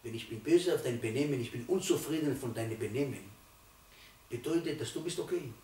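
Old rabbi preaching with emphatic swells. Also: male voice, medium pitch, lively intonation, brisk. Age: 80s. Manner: emphatic, swells from quiet to loud for stress. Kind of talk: Torah sermon. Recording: roomy, distant mic, faint ambience.

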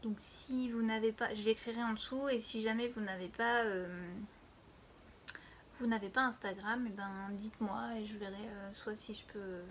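A chatty woman co-hosting a relaxed podcast, her voice sitting a little high. Her sentences often drift softly toward a near-whisper. A faint hiss of background noise sits under her voice. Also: moderate pace. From France. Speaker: podcast co-host. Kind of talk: casual chat about knitting.

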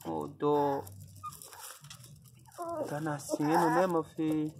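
A man's voice: a little high, little pitch movement, very slow, creaky, heavy background noise. A man films his dog giving birth, talking to her in soothing baby talk that often drops to a whisper. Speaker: dog owner filming a birth. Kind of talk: casual vlog narration.

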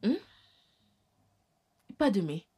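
A woman's voice: very slow, dark tone. A middle-aged woman voicing a motherly caregiver who talks soothingly and reassuringly, in a French film dub. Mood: gentle.

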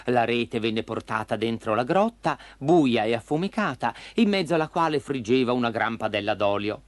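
A man narrating a children's story in an expressive, lively way. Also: mid-range voice, moderate pace, dry recording.

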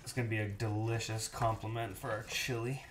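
A man in his thirties, a cooking show host, chats casually while cooking in a small home kitchen and answering live chat. His voice is fairly low and fairly quick, with little pitch movement and a roomy sound. A fixed camera mic picks him up as he moves around the noisy kitchen, with water running.

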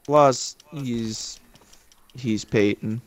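A man's voice: medium pitch, extremely slow. A man recording himself gaming with a friend, laid-back and teasing in casual banter.

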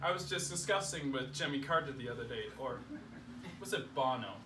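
In a living room turned literary salon, a young man reads aloud a comic essay written in the first person, speaking at a medium pitch to a small audience in their seats. He sounds projected, unhurried and mock-solemn about himself. The recording, from a distant camera mic, is roomy with faint noise.

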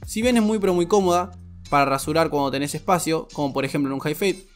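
A man's voice: on the high side, fast, faint music behind. A man, a barber giving a frank, explanatory voice-over tutorial. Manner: frank, explanatory, repeats "muy pero muy". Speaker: barber reviewing shavers.

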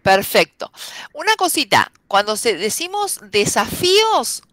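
A woman's voice: on the high side, big pitch swings, measured pace, fairly bright tone, no echo. A woman teacher, patiently explaining an English lesson step by step and often checking in with "¿sí?". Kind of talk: online class explanation.

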